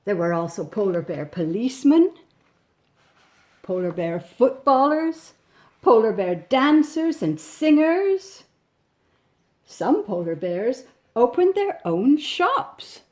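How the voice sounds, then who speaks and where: Reading a storybook for small children, this female narrator moves slowly and expressively, her pitch rising and falling with animation. Gentle asides break up the text as she draws attention to the illustrations and poses questions to her listeners.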